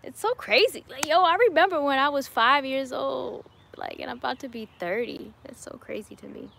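A high, fairly bright voice with vocal fry comes through at a fairly quick clip. The speaker, a woman in her late twenties, is a YouTuber chatting cheerfully with her livestream audience in a home garden, laughing often, filmed on a phone or webcam at arm's length.

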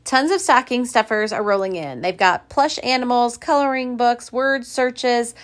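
Woman, middle-aged, slightly high voice, upbeat, instructional, scripted voice-over. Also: normal speed. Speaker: craft channel host.

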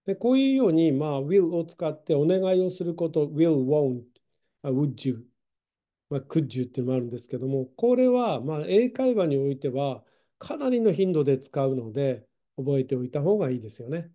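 A man's voice: a little high, lively intonation, normal speed, mellow. A middle-aged man teaching English grammar online, explaining patiently with many fillers.

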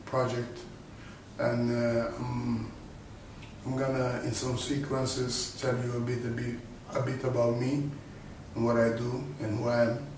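A man's voice: medium pitch, completely flat delivery, measured pace, background noise. Rambling man in a very echoey room. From Senegal. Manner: rambling, repeats and restarts phrases. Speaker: boxer and rapper introducing himself. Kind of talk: casual self-introduction to camera. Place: indoors, in front of a studio backdrop. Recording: very echoey room from a distance, music behind.

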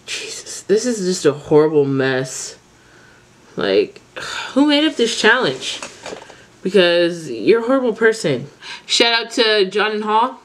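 A woman's voice: medium pitch, sing-song, unhurried. A woman in her twenties, giggly and drunk, rambling and swearing casually through a chatty makeup tutorial. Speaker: makeup vlogger. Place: small indoor room in front of a fabric backdrop.

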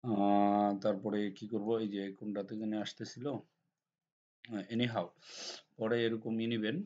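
Hoarse man teaching design software. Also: fairly low pitch. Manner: step-by-step instructions with frequent checks like "ঠিক আছে?". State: hoarse from a cold. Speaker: computer design instructor. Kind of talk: screen-recorded software tutorial. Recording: dull lo-fi recording with faint noise.

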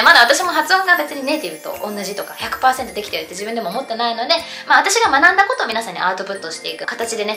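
A woman's voice: on the high side, pushed and bright, reverberant. A woman teaching English pronunciation in a casual lesson at a blackboard, explaining with spoken examples.

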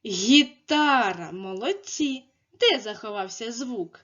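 A woman leads a children's speech lesson in a slightly high, very lively voice. She talks very slowly and spells out every sound with care as she coaxes the little ones along. The recording sounds dull and lo-fi. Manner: slow, clearly enunciated, coaxing. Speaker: preschool speech teacher.

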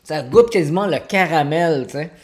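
A man's voice: a little high, normal speed. A man in his forties from Quebec with a Québécois accent, chatting casually through a live cooking stream in his home kitchen, with many fillers, and answering viewers by name. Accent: Québécois French. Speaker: cooking livestreamer. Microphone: fixed camera on counter.

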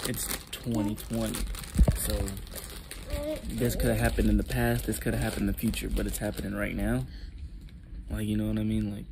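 A young man vlogging at home early in the morning, talking in a hushed, rambling, slangy way about spiritual ideas. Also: little pitch movement, normal speed, pauses often. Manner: rambling, hushed and low-key, with slangy asides. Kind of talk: casual spiritual monologue to camera. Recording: loud background noise.

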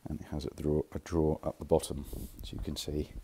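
A very deep, dark voice speaks fast and in a monotone, with a little hiss or hum on the recording. It belongs to a furniture dealer giving a casual, chatty walkthrough of his warehouse stock on a handheld phone camera, correcting himself now and then.

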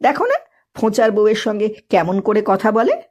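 A woman voicing a sharp-tongued, playful village wife who teases and scolds in quick retorts. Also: mid-range voice, sing-song. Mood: gossipy.

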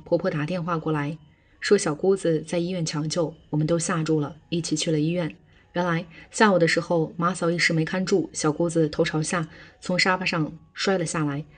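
一个女人以第一人称朗读家庭伦理故事，语速平稳。. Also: female voice, fairly low pitch, breathy edge. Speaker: storyteller. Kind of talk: first-person story narration.

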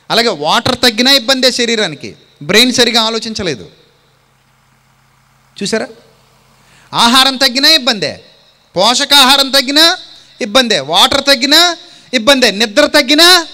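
Bright-voiced man preaching in a reverberant hall. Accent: Telugu. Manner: rising to loud exhortation and dropping low, calls on the congregation to answer. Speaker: pastor. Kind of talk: sermon.

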